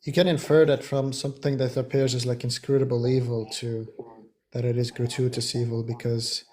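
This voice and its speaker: A man's voice: mid-range voice, little pitch movement, fairly quick, darkish tone. A man hosting a livestream, asking questions in a casual, hesitant way with frequent fillers. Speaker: livestream host. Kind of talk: casual chat.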